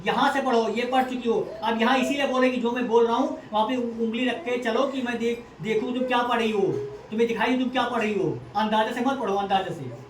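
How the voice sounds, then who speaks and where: A woman's voice: fairly high pitch, steady tone, a little fast. A woman tutoring a child at home, stern and impatient, repeating orders and spelling letters aloud. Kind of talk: scolding a child over reading. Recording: echoey room, far from mic, faint noise.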